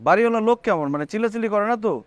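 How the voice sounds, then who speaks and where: A man playing a brash, cocky young flat-hunter. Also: high-pitched, rapid-fire, a little hiss or hum, lightly acted. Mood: bargaining. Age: young adult. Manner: boastful, breaks into sing-song. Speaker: son looking for a flat.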